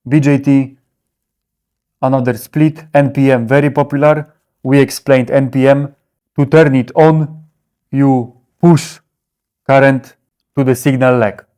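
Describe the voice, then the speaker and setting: A man's voice: medium pitch, fairly even intonation, a little slow, pauses often, a little mellow, clean tone. A man giving a simplified explainer in caveman-like broken English, with short blunt phrases and dropped little words. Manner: short clipped phrases, often checking with "okay?". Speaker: presenter explaining electronics.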